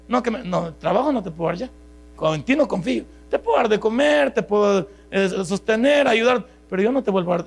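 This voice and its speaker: A man with a Salvadoran accent, a pastor preaching a sermon in a church, telling a story with quoted dialogue and rising into shouts. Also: extremely high pitch, gravelly. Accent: Salvadoran Spanish. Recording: mains hum behind the voice.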